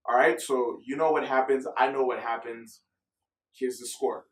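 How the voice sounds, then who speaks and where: A man's voice: medium pitch, echoey room, recorded from a distance, a little hiss or hum. A man talking through football news in a casual, rambling vlog, often correcting himself as he goes. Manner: chatty, rambling, self-correcting. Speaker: football vlogger. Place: filmed at home in the US.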